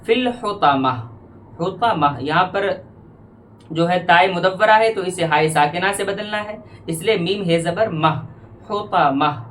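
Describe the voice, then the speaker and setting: High-voiced man teaching slow Quran recitation. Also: fairly bright tone, a little hiss or hum. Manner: explains rules, then recites verses slowly and drawn out. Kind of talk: tajweed lesson with slow recitation.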